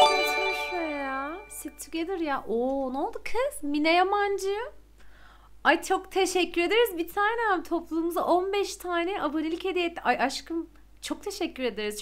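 A young woman streaming a life-sim game, chatting excitedly and gushing to her viewers. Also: high-pitched. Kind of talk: casual gameplay commentary.

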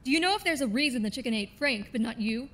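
A woman's voice: high voice, lively intonation, quick pace, a bit bright. A woman playing a brash, sarcastic young detective in a comedic short film. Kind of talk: comedic student film acting.

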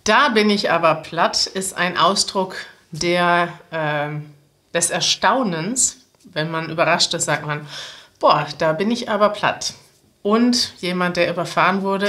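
A woman's voice: lowish voice, slow, pushed and bright. A woman, explaining jokes step by step to language learners. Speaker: language teacher and presenter. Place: small room indoors, seated at a table.

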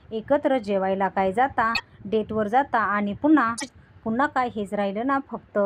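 Jealous young woman in a serial recap read by a woman, taunting, plain reading voice, a bit high. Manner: bitter, taunting retelling.

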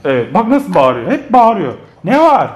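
This man, filming a casual family vlog, has a high voice and speaks at a moderate pace. Playful and lively, he laughs often while addressing his children and the viewers, and the home recording is noisy.

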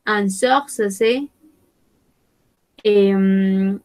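Slow, careful French teacher woman. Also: mid-range voice, darkish tone. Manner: slow, careful, repeating words for students. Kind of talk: bilingual online class, French and Spanish.

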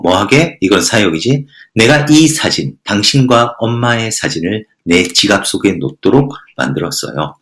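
A man teaching a textbook lesson, reading English sentences slowly before explaining each in detail. His voice sits fairly low but moves around a lot, rising and dropping as he asks and answers his own questions. The recording has a noticeable roomy echo. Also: fairly bright tone. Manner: reads English lines slowly, then explains in Korean with rhetorical questions. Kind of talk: lecture reading and translating a textbook passage.

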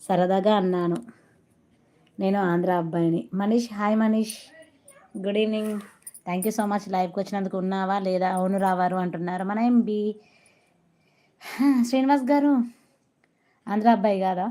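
A woman's voice: mid-range voice, steady tone, moderate pace, long pauses, warm tone. A woman from Telangana with a Telangana Telugu accent, hosting a casual live stream, chatting and greeting viewers by name with English phrases mixed in. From Telangana, India.

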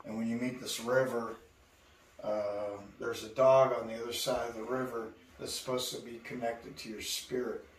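This recording, made in an echoey indoor art studio with a distant mic and faint hiss, features an artist in his sixties giving an informal tour. His medium-pitched voice barely moves in pitch and keeps a normal speed while he tells rambling, filler-laden stories.

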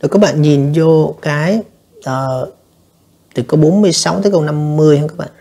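A man's voice: a little high, fairly quick, gravelly, mellow. A man teaching an exam review lesson, explaining answers step by step and often addressing his students directly. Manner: explanatory, addresses students repeatedly, frequent fillers. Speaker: English teacher.

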